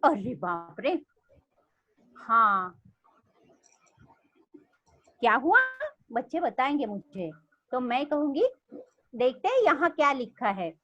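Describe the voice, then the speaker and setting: A woman's voice: sits high, very animated, takes it slowly, pauses often, bright, forceful tone, no echo, dull audio. A woman leading an online teacher training session on a video call, reading storybook lines aloud expressively.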